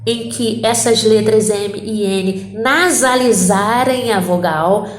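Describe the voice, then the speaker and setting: A woman's voice: medium pitch, takes it slowly, roomy sound. A woman teacher goes through a grammar exercise, spelling out word endings and checking in with her students. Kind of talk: correcting a Portuguese grammar exercise.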